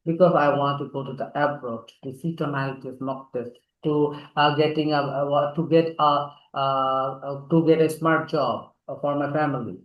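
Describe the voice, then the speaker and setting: A man teaching an online English class, rattling off quick explanations and then slowing down for model sentences. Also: medium pitch, echoey room, lo-fi sound. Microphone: video call.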